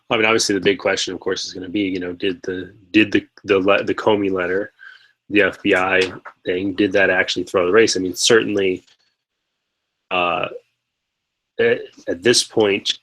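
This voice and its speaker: A man's voice: deep voice, flat delivery, normal speed, pauses often, fairly bright tone, rough recording. A man co-hosting a live podcast, talking politics in a rambling way with many fillers and restarts. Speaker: podcast co-host. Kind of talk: casual political discussion.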